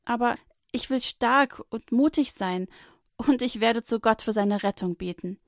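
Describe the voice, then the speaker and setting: A woman voicing a young girl, an anxious but brave big sister in a children's Bible story, speaking high and eagerly. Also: unhurried, no room sound, clean studio sound. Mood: tearful. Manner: high, eager, tearful pleading.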